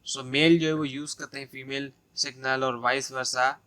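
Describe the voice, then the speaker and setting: A man with a Pakistani accent tutors through an exam-prep lecture. His voice is bright and forward, and his pitch stays flat and level. He goes step by step, repeats each point, and fills pauses with "so" and "uh". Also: clear, resonant tone. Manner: explains step by step, restating points, many "so" and "uh" fillers.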